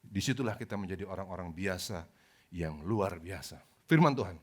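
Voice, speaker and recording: A male pastor delivers a sermon in a low voice at a moderate pace. He tells stories animatedly, sprinkling in slang and jokes.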